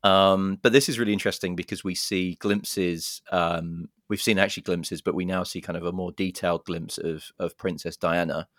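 A man's voice: sits low, fairly even intonation, moderate pace, hardly any pauses, a bit bright, no echo, clean studio sound. A man co-hosting a podcast, chatting casually and jokily about film trailers. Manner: chatty, jokey, reads out plot summaries. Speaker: podcast co-host.

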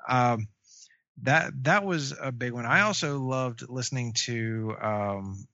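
A man co-hosting a casual chat about comic book shows, halting and full of fillers and restarts. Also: medium pitch, sharp tone, dry recording. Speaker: podcast co-host. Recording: dry, dull lo-fi sound.

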